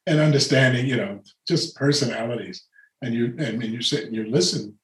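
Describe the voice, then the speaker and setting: Speaking a little fast in a medium-pitched voice, a retired orchestral horn player, an older man, rambles through anecdotes from his life as a guest in an easygoing storytelling chat. Frequent laughter and false starts break up his sentences. A clear echo suggests an empty room.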